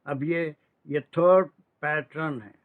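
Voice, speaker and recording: Patient man teaching grammar, slow and steady, thin dry phone-like sound. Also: on the high side, no room sound. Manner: patient, drills verb forms, mixes English phrases. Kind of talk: online class teaching. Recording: dry, tinny phone-like audio.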